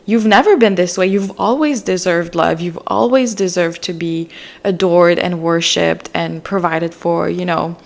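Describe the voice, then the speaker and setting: A woman voicing a gentle, nurturing parent who softly coaxes and reassures a child. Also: lowish voice, a little slow, vocal fry. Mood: soothing. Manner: soft, coaxing, affectionate.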